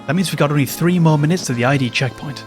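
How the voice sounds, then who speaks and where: A man's voice: a little high, fast, faint music behind, close to an everyday voice. Man reading a bossy rebel leader. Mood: commanding. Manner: brusque, commanding.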